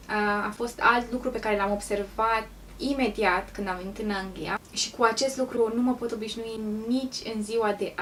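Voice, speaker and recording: A chatty woman from Romania tells stories to her viewers in a relaxed vlog, often pausing on an um. Her voice sits a touch higher than most and comes from a little way off the mic. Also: distant mic, a little hiss or hum. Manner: chatty, pauses with frequent ums. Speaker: vlogger. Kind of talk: casual vlog storytelling.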